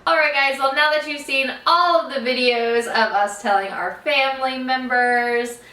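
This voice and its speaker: A woman's voice: high-pitched, normal speed, pushed and bright. A young woman chatting casually as a family vlogger, recorded in an echoey room at some distance from the mic. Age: young adult. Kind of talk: casual chat to camera and on calls.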